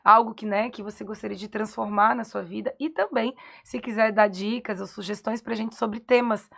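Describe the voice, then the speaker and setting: A Brazilian woman with a Brazilian Portuguese accent co-hosts a psychology podcast, speaking at normal speed in a steady, medium-pitched voice with vocal fry. In the casual conversation she sounds reflective, often affirming with "uhum."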